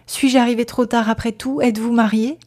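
A woman's voice: a little high, fairly even intonation, a little fast, a little mellow, voice pushed up, close to an everyday voice. A woman voicing a haggard, vehement young woman. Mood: urgent. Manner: urgent, impassioned pleading.

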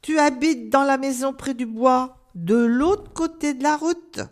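A woman's voice: high-pitched, a little slow, pitched above the performer's own voice. A woman voicing a wise owl in a storybook, speaking in an assured, knowing way.

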